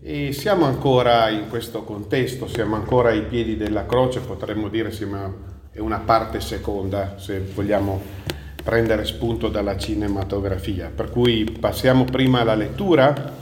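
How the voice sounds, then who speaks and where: A man's voice: lowish voice, steady tone, moderate pace, darkish tone, a little hiss or hum. Man preaching in an echoey hall. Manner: reads scripture aloud, then preaches with restarts and asides. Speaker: pastor. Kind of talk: sermon with Bible reading.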